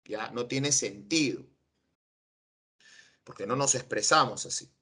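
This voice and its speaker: A man's voice: medium pitch, a little slow, bright, forceful tone, husky. A man teaching an online class over a video call, patiently checking that his students understand.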